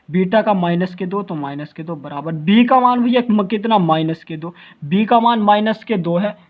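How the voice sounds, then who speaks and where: A man's voice: high-pitched, narrow, tinny audio. Man teaching math, asks questions constantly. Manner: keeps asking rhetorical questions and calls listeners brother. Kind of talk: classroom math lecture.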